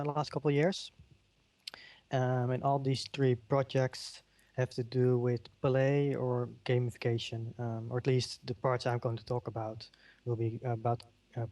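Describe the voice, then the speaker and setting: In a mid-range, darkish voice, a middle-aged Dutch man gives a keynote at a virtual-world conference. His Dutch accent is clear, and his talk is peppered with ums and uhs.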